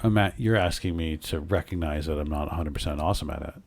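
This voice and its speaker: A man's voice: extremely low pitch, fast talker, gravelly, a little mellow. A man co-hosting a casual home podcast with his partner, earnestly arguing his point and reading the show plugs upbeat. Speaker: podcast co-host. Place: home room with sleeping dogs.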